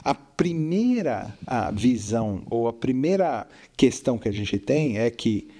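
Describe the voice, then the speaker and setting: Storytelling father with a dark voice. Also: medium pitch, measured pace. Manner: lively storyteller, often checks in with "entendeu?". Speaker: co-host, father. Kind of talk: casual storytelling chat on faith.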